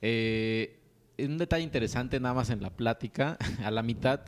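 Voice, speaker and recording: A man, a film journalist telling quick stories on a casual podcast. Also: medium pitch, slight background noise.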